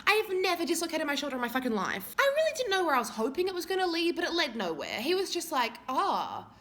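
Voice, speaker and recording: A young woman with a lisp chats through a storytime vlog in a high voice. Her pitch leaps and dips all over the place. She swears freely and laughs at herself. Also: very animated, very fast, fairly bright tone. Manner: crude, swearing, self-mocking. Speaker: vlogger.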